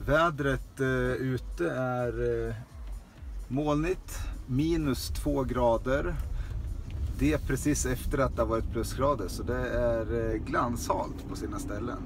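A man in his thirties from Sweden talking casually to the camera while driving, with many hesitant pauses. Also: medium pitch. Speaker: vlogger. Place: inside a moving car. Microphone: camera on the dashboard. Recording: loud road noise in a car. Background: loud car and road noise.

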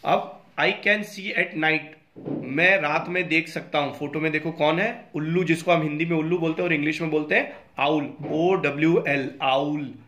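A man's voice: fairly high pitch, fairly even intonation, fairly bright tone. A male school teacher giving a recorded lesson, mixing Hindi and English and spelling words out letter by letter. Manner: reads book lines slowly and clearly. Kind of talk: recorded online class lesson.

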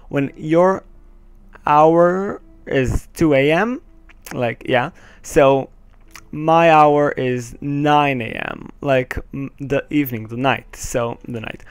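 This is a sing-song, mid-range voice that takes its time, smooth and free of room sound. It belongs to a teenage gaming host from Israel with an Israeli accent and Hebrew as his native tongue, chatting casually over gameplay on a headset. Expect nervous laughter, plenty of ums, a hesitant manner, and swearing when the game turns against him.

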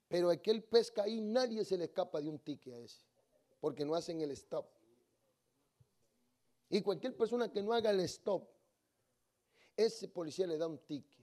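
High-pitched, dark-toned man preaching. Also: expressive, moderate pace, pauses often. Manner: storytelling, swings between soft asides and loud exhortation. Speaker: guest preacher. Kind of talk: lively Spanish-language sermon with humorous anecdotes. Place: church sanctuary.

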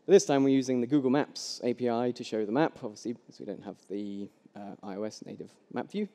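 This is a young adult man talking quickly in a dark, mid-range voice. As a conference speaker at a meetup, he gives a casual live coding talk on a headset mic, with lots of ums and false starts, and the sound rings out in an echoey hall with a long reverb tail.

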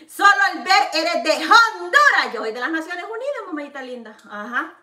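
A bright, high-voiced woman with a Salvadoran Spanish accent, chatting playfully to her viewers while she cooks. She sits back from the mic in an echoey home kitchen. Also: big pitch swings, moderate pace, distant mic. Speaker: vlogger. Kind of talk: casual cooking vlog chat.

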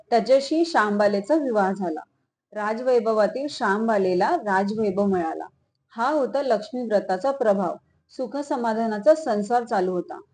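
A woman's voice: medium pitch, darkish tone. A woman reading a devotional folk tale aloud as storyteller, often restarting and correcting herself. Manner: reads with frequent small restarts and self-corrections.

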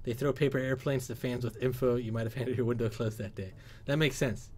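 A Cuban man in his thirties hosts a casual livestream from an indoor workshop studio, reading chat questions aloud through a headset. He's upbeat and sings along, speaking fairly quickly at medium pitch with fairly even intonation and a slightly mellow tone.

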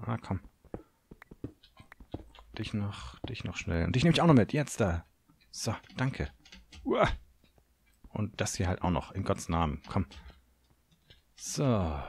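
A man's voice: on the low side, lively intonation, slow, vocal fry, pauses often, darkish tone, slight background noise. A young German man commenting on his own game, nervous and talking to himself, swearing at monsters. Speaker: gaming video host. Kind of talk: Let's Play commentary.

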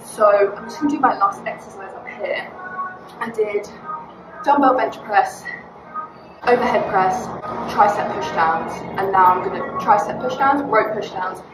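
A woman's voice: medium pitch, measured pace, over music. Chatty young British woman vlogging. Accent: British English. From United Kingdom. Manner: chatty, rambling, self-deprecating. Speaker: personal trainer and vlogger. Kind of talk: casual day-in-the-life vlog. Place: home rooms, then a gym. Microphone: phone camera propped nearby.

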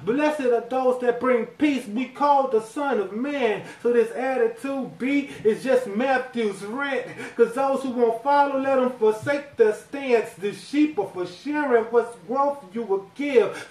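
A man raps a one-take freestyle in a high, ringing voice, sometimes breaking into shouted lines. He is recorded from across a small room at home, so the voice sounds distant and echoey. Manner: rhythmic rapping with sudden shouted lines. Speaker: rapper. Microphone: far 360 camera. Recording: echoey room, voice far from the mic.

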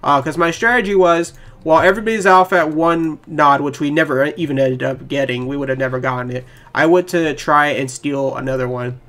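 A young man giving rambling, excitable live commentary on his own gameplay and talking to his viewers. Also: fairly high pitch, brisk, few pauses. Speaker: gaming channel host. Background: keyboard typing.

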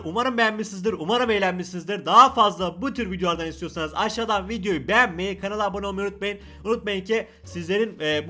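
Fast, excitable young male gamer. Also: sits high. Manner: excited, exclaiming and talking to the game character. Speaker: gaming YouTuber. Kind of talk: Let's Play commentary.

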